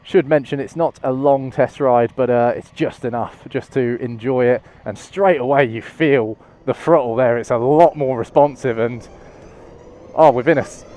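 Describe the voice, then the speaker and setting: A man giving chatty, excitable commentary while riding a motorcycle, through a helmet-mounted mic. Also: medium pitch, normal speed, few pauses. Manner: chatty, excitable, many restarts and laughs. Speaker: motorcycle vlogger. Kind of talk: casual moto-vlog commentary while riding. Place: outdoors on a motorcycle in traffic. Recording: faint road and traffic noise.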